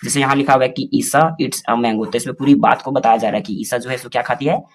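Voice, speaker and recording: A man's voice: medium pitch, steady tone. Man teaching in question-and-answer style. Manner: repeats questions to the class and answers them himself; spells words slowly letter by letter. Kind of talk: explaining English grammar basics in Hindi.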